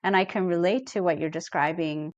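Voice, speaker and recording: A middle-aged Ethiopian therapist is a guest on a podcast interview, speaking earnestly, reflectively and in a measured way. Her pitch is fairly low, and the recording has no room sound, with the highs cut off.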